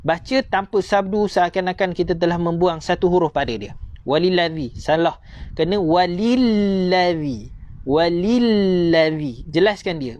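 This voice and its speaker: A man's voice: sits high, darkish tone, lo-fi sound. A man with a Malaysian accent teaching a tajwid lesson online, repeating points and coaxing listeners to recite after him. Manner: repetitive, coaxing teacher, slows to drawn-out recitation.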